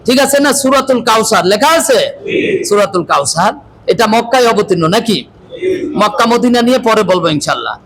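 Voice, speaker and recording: A man teaching a Quran reading class, loudly firing questions at his students. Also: very high voice, slight background noise, poor audio. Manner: loud, drilling questions at the class, often calling out. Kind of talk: classroom lesson.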